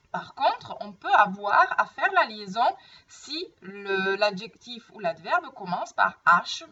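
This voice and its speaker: Unhurried woman teacher, distant dull recording. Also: medium pitch, a bit bright. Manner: slow, patient explaining, often checking "d'accord?". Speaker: French teacher. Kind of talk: grammar lesson.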